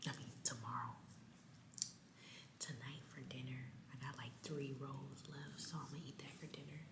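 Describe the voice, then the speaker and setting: A woman's voice: rumbling low, steady tone, normal speed. A young woman whispering a casual, chatty video diary from a public library. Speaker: vlogger. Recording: roomy echo with background noise.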